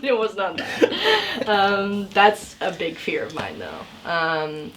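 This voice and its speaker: Slow-talking giggly young woman. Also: mid-range voice, sing-song, fairly bright tone. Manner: giggly, playful, rambling. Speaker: cast member guest. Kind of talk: casual group chat.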